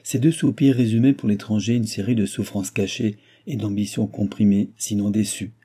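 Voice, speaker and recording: A man reads a classic novel aloud at a measured, even pace. His voice is low and very dark, with a husky grain. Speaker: audiobook reader. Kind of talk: audiobook narration of a classic novel.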